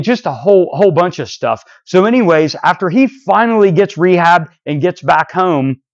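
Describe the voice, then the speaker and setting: A man's voice: on the high side, muffled recording. A man preaching a sermon, telling a long story in a rambling way, often saying "so anyways" and acting out what people said. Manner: rambling, repeats "so anyways" and restarts, acts out quoted dialogue. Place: church.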